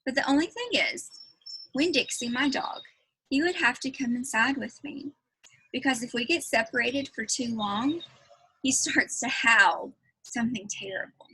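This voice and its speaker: Woman playing an earnest, eager little girl, bright. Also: fairly high pitch, moderate pace, slightly rough, dry recording, full character voice, rough recording. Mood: earnest pleading. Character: earnest, polite, eager young preacher's daughter.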